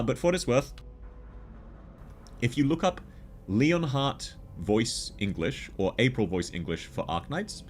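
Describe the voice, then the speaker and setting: An Australian-accented game streamer chats casually with viewers on a livestream, answering chat and laughing often. His voice is fairly low, with a little hiss or hum in the audio.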